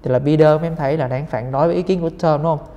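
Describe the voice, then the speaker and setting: A man's voice: a little high, very fast, mellow, long reverb tail. A young man teaching English, patiently going through exam answers step by step and speaking directly to his students. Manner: patient, step-by-step explaining, addressing students as "mấy em".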